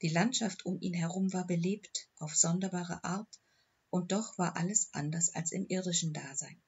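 A man narrating an audiobook story in a measured, descriptive way. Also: sits high, fairly even intonation, breathy edge, highs cut off.

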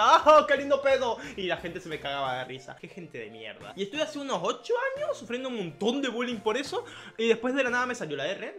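Bright, high-voiced Argentine young man. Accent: Argentine Spanish. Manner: stumbles over words; swears freely, playful. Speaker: YouTuber. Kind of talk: casual comment-reading vlog.

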